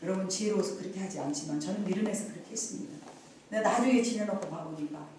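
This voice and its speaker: Talking fast in a darkish, mid-range voice, a middle-aged woman pastor delivers an emphatic, folksy sermon live on Sunday while the congregation calls back to her. The recording comes from a very echoey church hall during worship, with a distant mic and faint noise.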